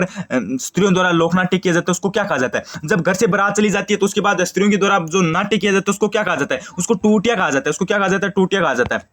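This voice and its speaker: A young man from Rajasthan, teaching an online exam-prep lesson and drilling questions and answers rapidly, repeating each answer. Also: high-pitched, a bit bright. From Shekhawati, Rajasthan.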